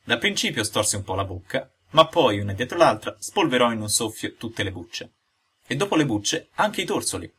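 Husky-voiced man reading a storybook. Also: mid-range voice, moderate pace. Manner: lively, expressive reading. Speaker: audiobook narrator. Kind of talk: expressive storybook narration.

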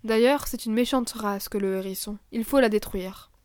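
A woman's voice: medium pitch, normal speed, darkish tone, dry recording, clean studio sound, natural voice. A woman voicing a male gardener who speaks bluntly and matter-of-factly.

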